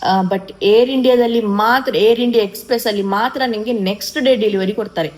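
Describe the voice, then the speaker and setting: A woman's voice: a little high, a little fast, rough recording. A woman, chatting emotionally to camera in a casual vlog, with many restarts. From coastal Karnataka, India. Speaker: vlogger.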